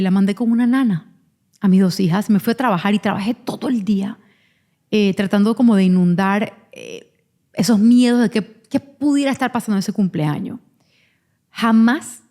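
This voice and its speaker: A woman's voice: mid-range voice, moderate pace, mellow. A woman hosting a podcast, telling a painful personal story frankly and openly, with restarts as she goes. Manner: frank, confessional, openly vulnerable; rambling restarts while recounting. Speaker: podcast host; mother of twins.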